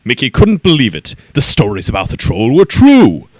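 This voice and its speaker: A man reading a children's story aloud in an expressive, animated way. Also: medium pitch, moderate pace, no room sound.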